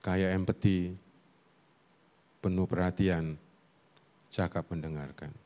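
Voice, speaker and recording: A man's voice: low-pitched, slow. A middle-aged man preaching a humorous sermon on family life at a church Sunday service. He tells stories, asks the congregation questions and laughs along with them. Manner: animated storytelling with audience questions and laughter. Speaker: guest preacher and counselor.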